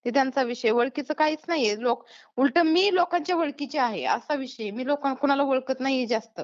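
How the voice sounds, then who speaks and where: A YouTuber with a Maharashtrian accent takes a prank call, speaking bluntly and asking lots of questions in a casual way. Her voice is high and a little fast, and the phone call recording sounds dull and lo-fi.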